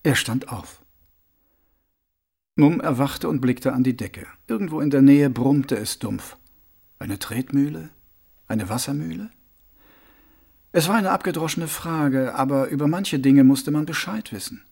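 A man's voice: mid-range voice, a little slow, gravelly, pauses often, slightly rough. A man reading a novel aloud as narrator, telling it expressively. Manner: expressive storytelling. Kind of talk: audiobook reading.

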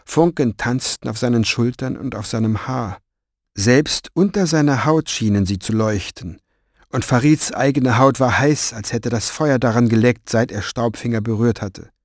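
A man narrating an audiobook in slow, measured scripted storytelling. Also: mid-range voice, no echo, studio quality.

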